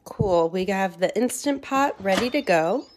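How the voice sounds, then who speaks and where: Slow, chatty woman cooking at home. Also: medium pitch, lively intonation, slight background noise. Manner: chatty and enthusiastic. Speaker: home cook. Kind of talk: casual cooking vlog. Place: home kitchen. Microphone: phone held in hand.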